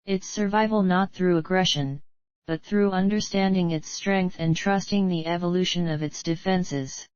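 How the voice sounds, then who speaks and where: A woman reading scripted nature documentary narration in a measured, earnest, formal way. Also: fairly low pitch, clean tone, dry recording, muffled recording.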